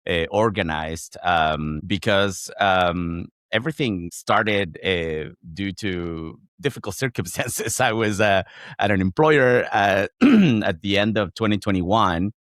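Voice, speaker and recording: A man's voice: deep voice, slow, a bit bright, no echo, clean studio sound. A man from Chile with a Chilean Spanish accent, speaking English as a second language. He talks as a podcast guest, reflective and thinking aloud with frequent restarts. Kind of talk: conversational interview.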